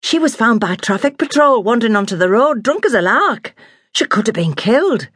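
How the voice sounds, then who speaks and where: A woman's voice: a little high, sing-song, a little fast, fairly bright tone, breathy edge, no echo, clean studio sound, pitched above the performer's own voice, heavily acted. An eager chattering constable, put on by a woman. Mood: excited. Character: excitable male police constable.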